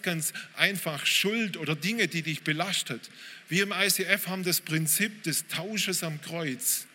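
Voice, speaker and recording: A pastor preaching a sermon in a church hall, informal and direct, often calling out to listeners with "hey". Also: male voice, on the high side, bright, forceful tone. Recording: reverberant hall, faint room noise.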